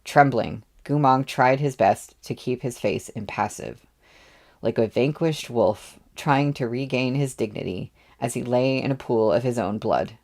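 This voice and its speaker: A man's voice: medium pitch, a little slow, darkish tone. A man reading a novel aloud as narrator, with offhand asides between passages. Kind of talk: audiobook readalong.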